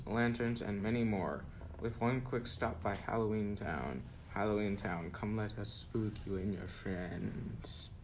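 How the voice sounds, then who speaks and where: A man's voice: on the low side, slight background noise, poor audio. A man playing an upbeat announcer in a mock store advertisement, reading it in a salesy way. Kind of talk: mock radio ad read.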